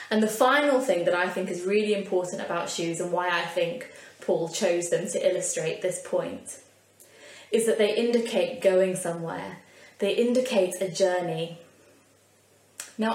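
A woman's voice: fairly low pitch, a little mellow. Earnest woman preaching in an echoey room. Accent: Yorkshire. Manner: earnest and conversational, with light asides. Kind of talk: sermon. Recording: roomy echo.

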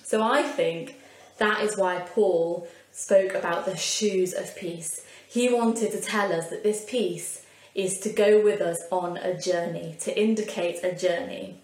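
A woman's voice: on the low side, steady tone, a little slow, darkish tone. A woman with a Yorkshire accent preaching a sermon in an earnest, conversational way with light asides. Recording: roomy echo.

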